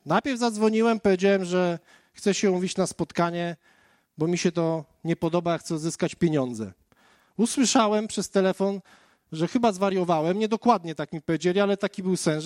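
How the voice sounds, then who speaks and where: This man's voice is high and slightly mellow, captured cleanly in a studio with no echo. Preaching in a conversational style, he narrates his personal testimony and addresses the audience head-on.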